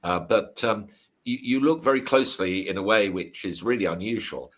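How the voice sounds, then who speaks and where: An older man hosting an online history show, chatting in a relaxed way with fillers as he introduces his guest. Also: on the low side, normal speed. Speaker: show host. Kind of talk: hosting a video call interview.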